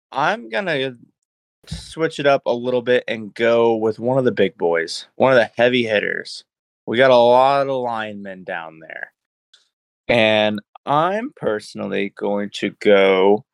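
A man's voice: on the low side, no echo. A man co-hosting a podcast in casual chat, playful and laughing often. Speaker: podcast co-host.

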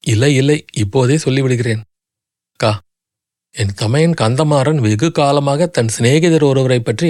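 A man's voice: mid-range voice, darkish tone, no echo, clean studio sound, natural voice. A man voicing a grief-stricken young noblewoman who pleads desperately through sobs.

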